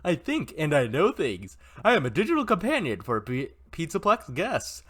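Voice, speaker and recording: A man's voice: fairly high pitch, wildly swooping pitch, normal speed, exaggerated voice. A man voicing a cheerful childlike cartoon pig robot guide with a stuffy nose, like a young kid. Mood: chipper. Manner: bright, eager, chirpy.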